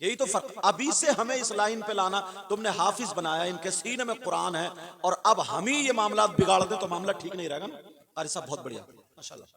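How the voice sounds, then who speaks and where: A male preacher giving an impassioned sermon to a gathering, moving between loud chanted exclamations and quick chuckling asides. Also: sits high. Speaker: Islamic preacher. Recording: crowd noise from a live gathering.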